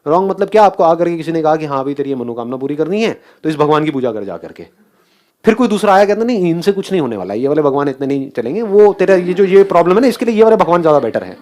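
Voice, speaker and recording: A man's voice: on the high side, very animated, fast, a little mellow. A man giving a motivational talk, asking the audience questions and mixing English phrases into his speech. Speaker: motivational speaker.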